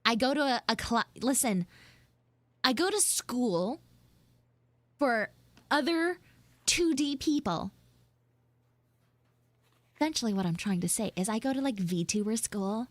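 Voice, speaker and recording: With a fairly high, animated voice, she speaks unhurriedly and pauses often, and the audio has no room sound. The speaker is a VTuber roleplaying on stream as a flustered tomboy tsundere schoolgirl, improvising with whiny, dramatic exasperation.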